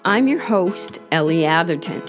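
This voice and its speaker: A female podcast host tells a story calmly, gently and at a measured pace, her voice slightly hoarse because she's under the weather. Her pitch sits on the low side, with music playing in the background.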